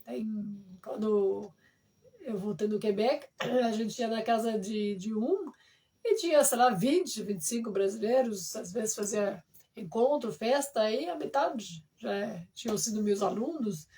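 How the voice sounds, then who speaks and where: A Brazilian woman, a French teacher, talking on a live stream with a lively storytelling manner. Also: fairly high pitch, a little slow. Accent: Brazilian Portuguese. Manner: lively storyteller who acts out dialogue. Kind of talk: live-stream talk about a course. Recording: voice somewhat distant from the mic.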